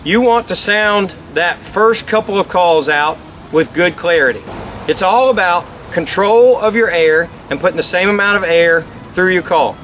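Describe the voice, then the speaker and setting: A man's voice: high voice, normal speed, fairly bright tone, slight background noise. A middle-aged man giving an instructional how-to demonstration outdoors, explaining with emphatic repetition. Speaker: instructor, game call company presenter. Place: outdoors by a lake.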